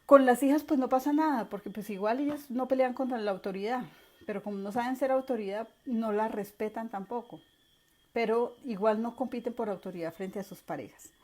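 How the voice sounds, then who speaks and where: A woman's voice: on the high side, a little fast, mellow. A woman teaching an online course, explaining and acting out quoted parents and children. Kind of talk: virtual class lecture.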